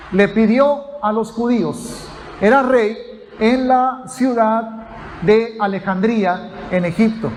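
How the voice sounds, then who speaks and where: A man's voice: very high-pitched, slight background noise. A man teaching a sermon, explaining step by step and checking in with his listeners. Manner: explanatory, addresses listeners as brothers, asks "ok?". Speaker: pastor.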